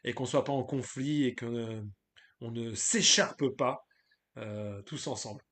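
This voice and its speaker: A man's voice: medium pitch, unhurried, a bit bright. A man hosting a live stream, chatting casually and loosely, giving his opinions and greeting viewers from the chat, with frequent hesitations.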